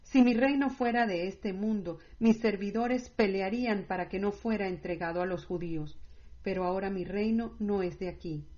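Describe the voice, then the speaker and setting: Calm grave male prophet, woman reader, measured, mid-pitched, muffled lo-fi sound. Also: lightly acted. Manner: read plainly in the narrator's own measured voice. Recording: dull lo-fi audio.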